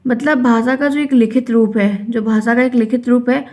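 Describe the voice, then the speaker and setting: Young female teacher, higher register, patient and repetitive explainer for an online lesson. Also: steady tone, normal speed, mellow. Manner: explains by repeating, acts out example sentences. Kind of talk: online Hindi grammar lesson.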